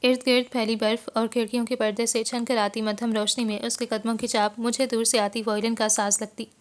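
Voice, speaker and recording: A woman with a somewhat high voice reads a romance novel aloud as an audiobook. Her narration is measured and expressive, carrying the story at an even storytelling pace.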